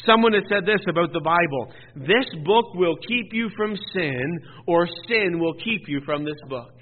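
A man's voice: high-pitched, expressive, normal speed. A man preaching a sermon as pastor, urging his congregation with earnest, repeated exhortations that swell to emphatic peaks. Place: church sanctuary. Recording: phone-like sound in a reverberant church hall.

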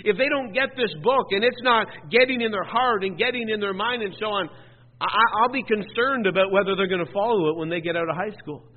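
A man's voice: sits high, brisk. A man preaching a sermon as pastor, urging his congregation with earnest, repeated exhortations that swell to emphatic peaks. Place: church sanctuary. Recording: phone-like sound in a reverberant church hall.

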